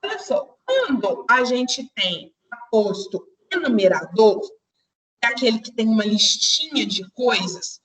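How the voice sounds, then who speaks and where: Young woman, teacher, step-by-step grammar lesson, high voice, slightly distant mic. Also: very animated, a little slow, fairly bright tone. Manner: explains step by step, addresses students directly.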